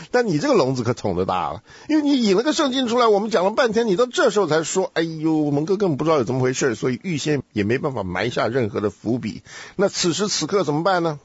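A man's voice: on the high side, very animated, fairly quick, husky, dry recording, muffled recording. A man hosting a casual Bible study chat, teasing and quizzing his co-host and laughing often.

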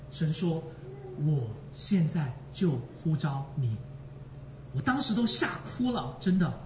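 A man with a high, widely swinging voice preaches with emotion, repeating lines for emphasis and calling out to his listeners. He sounds far from the mic in an echoey space, and the recording is dull. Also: a little hiss or hum. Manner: addresses the congregation directly. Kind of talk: sermon.

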